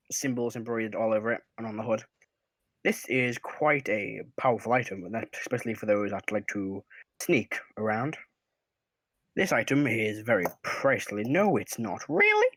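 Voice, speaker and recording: A man with an average-pitched voice narrates a tabletop game as game master. He talks casually and hesitantly, searching as he goes and swearing freely. The sound is very dry. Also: animated, moderate pace, dry recording.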